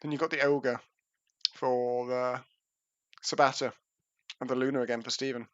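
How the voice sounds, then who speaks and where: A man calling an esports match on a livestream, talking over a headset mic with a dry, slightly dull sound and no room around him. He keeps up casual, self-mocking chatter between plays at a middling pitch. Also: little pitch movement, moderate pace, no echo. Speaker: esports caster. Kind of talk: live game commentary.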